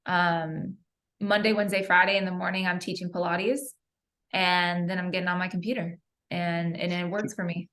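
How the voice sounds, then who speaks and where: A woman, a software engineer, talking through her workday in a chatty, upbeat way with students on a panel. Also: lowish voice, little pitch movement, normal speed. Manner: upbeat, chatty, many "like" and "you know" fillers. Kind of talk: casual panel talk with students.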